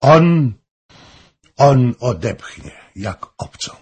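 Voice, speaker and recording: A man reading an audiobook, voicing a pale, weak, grieving noblewoman who pleads and warns slowly and solemnly. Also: medium pitch, very animated, a little mellow, breathy edge, pitched above the performer's own voice, exaggerated voice. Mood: grave pleading.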